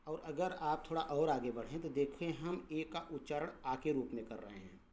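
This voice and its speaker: A patient teacher with a highish, darkish voice gives a slow, explanatory English pronunciation lesson. He repeats each word along with its meaning and draws out the vowels.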